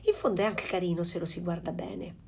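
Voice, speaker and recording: A woman voicing a proud, fussy mother duck in a storybook reading, with a slightly husky voice. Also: lowish voice, fairly even intonation, brisk, exaggerated voice.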